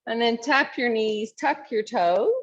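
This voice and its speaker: A woman leading a yoga class, calmly and encouragingly cueing each pose and stretch. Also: fairly high pitch, a little slow, slightly rough, highs cut off. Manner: calm, encouraging cueing of poses. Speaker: yoga instructor. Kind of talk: guided yoga class instruction.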